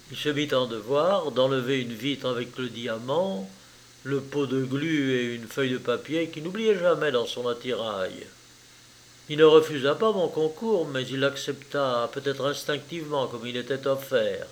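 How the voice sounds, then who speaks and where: A man narrating a novel as an audiobook, steady and measured. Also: mid-range voice, a little hiss or hum. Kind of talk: scripted narration.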